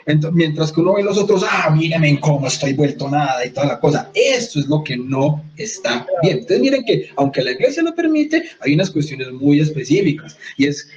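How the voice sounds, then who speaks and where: A Colombian man teaches on a question of faith in a conversational interview. His voice sits a little higher than most men's, and the recording is somewhat dull and muffled. He keeps checking in with his listeners through quick rhetorical questions. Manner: animated, rhetorical questions, mock-quotes others. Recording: slightly muffled sound.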